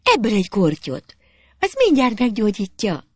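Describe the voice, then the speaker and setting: A lively peasant girl, as a storyteller puts her on, teasing and coaxing in a sharply raised, bright voice that leaps all over. Dry, close storybook reading. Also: medium pitch, breathy edge, no echo, voice pushed up.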